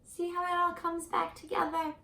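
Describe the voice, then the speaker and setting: A teacher with a very high-pitched, creaky voice gives an animated picture-book reading for young children, staying gentle and encouraging and stopping to question the listener directly. The recording is reverberant.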